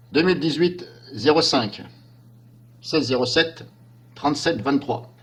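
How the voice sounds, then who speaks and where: A man's voice: mid-range voice, husky. A man giving casual, rambling commentary over a screen recording. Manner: chatty, rambling, frequent "hein" and "donc là". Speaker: tech screencast narrator.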